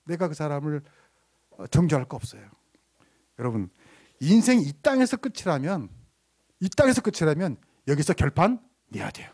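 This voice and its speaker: A man's voice: a little high, sing-song, normal speed, pauses often, darkish tone, breathy edge. A middle-aged man preaching a sermon as pastor, asking the congregation questions and acting out the people in his stories. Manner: acts out quoted voices while telling a story.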